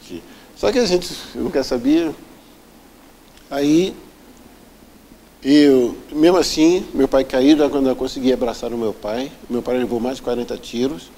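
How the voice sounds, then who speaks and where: A man's voice: mid-range voice, a little slow, long pauses, mellow, poor audio. A man being interviewed, earnestly retelling a painful personal story and acting out the people in it. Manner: earnest, vivid retelling that often acts out the people involved. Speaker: interview guest.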